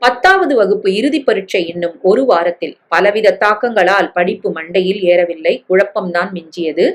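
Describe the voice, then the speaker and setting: A woman narrating a family drama story in an expressive reading voice. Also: mid-range voice, normal speed.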